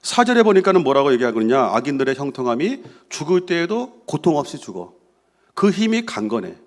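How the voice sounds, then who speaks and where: A man's voice: fairly high pitch, fairly quick. A man from Korea preaching a sermon, asking the congregation questions and acting out the voices of doubters. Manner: animated, acts out voices of doubters and mockers; asks the congregation questions and answers with "예". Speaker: pastor.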